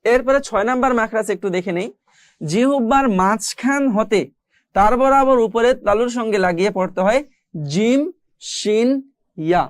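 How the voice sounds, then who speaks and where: A man teaching how to pronounce Arabic letters, speaking slowly and patiently, repeating each sound several times. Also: high voice, no echo, studio quality. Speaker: Quran recitation teacher. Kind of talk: recorded pronunciation lesson.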